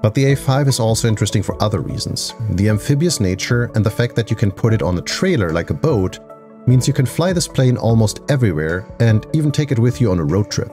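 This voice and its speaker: A man narrating a scripted voice-over in an even, informative storytelling manner. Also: fairly low pitch, quick pace, over music.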